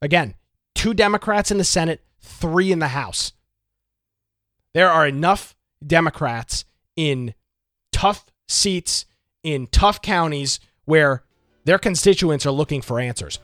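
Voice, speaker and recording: A man's voice: fairly high pitch, expressive, measured pace, a bit bright, no room sound, studio quality. A man hosting a political talk show, delivering opinionated commentary with many rhetorical questions.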